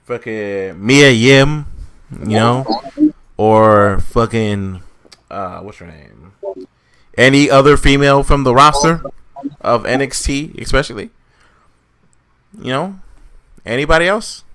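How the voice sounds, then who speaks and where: A man's voice: mid-range voice, takes it slowly, pauses often, fairly bright tone. A man co-hosting a podcast in casual chat, rambling and swearing freely. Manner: profane, rambling, laid-back. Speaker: podcast co-host.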